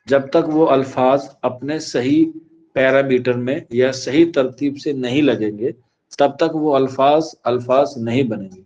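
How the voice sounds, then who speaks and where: A man from India teaching an exam prep lecture, repeating key phrases slowly so students can write them down. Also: medium pitch, darkish tone, highs cut off.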